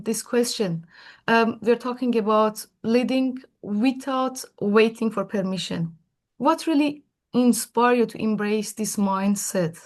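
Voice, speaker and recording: A woman co-hosting a podcast who speaks warmly and hesitantly, with fillers. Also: medium pitch. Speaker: podcast co-host. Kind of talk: conversational interview.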